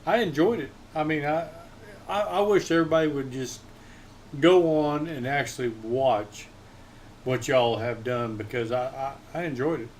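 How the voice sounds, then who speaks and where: A man's voice: mid-range voice, moderate pace, a little hiss or hum. A man joining a casual podcast chat, hesitant and stammering through restarts as he gives praise.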